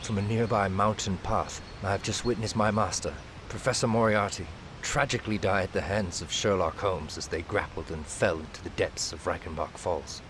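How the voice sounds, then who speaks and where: A man's voice: low-pitched, fairly even intonation, normal speed, noisy background, lightly acted. An actor playing a bitter, vengeful colonel and villain's henchman in a declamatory, grandiose radio drama monologue. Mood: grim.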